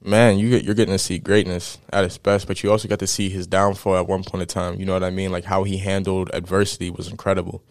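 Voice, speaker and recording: A young man in his twenties, a football player, answering interview questions in a relaxed, animated way and often tagging "right?". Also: deep voice, fast, hardly any pauses, no room sound. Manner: animated storyteller, many "right?" tags.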